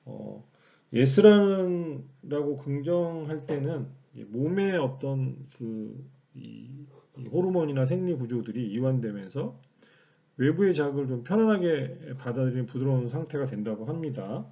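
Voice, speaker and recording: A man's voice: medium pitch, lively intonation, measured pace, gravelly, warm tone, muffled recording. A man teaching a recorded online class, explaining step by step with frequent fillers and rhetorical questions. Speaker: lecturer.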